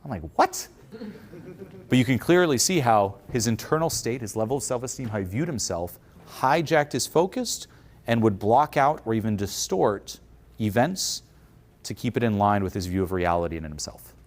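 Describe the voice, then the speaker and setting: A man with a somewhat low voice gives a motivational talk from a conference stage as a coach. He speaks in a lively way and often acts out the worried inner voices of the people he describes. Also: moderate pace.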